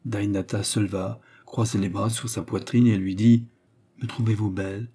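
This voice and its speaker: A man reading a classic novel aloud in measured, scripted narration. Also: fairly low pitch, flat delivery, dark tone, breathy edge. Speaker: audiobook reader.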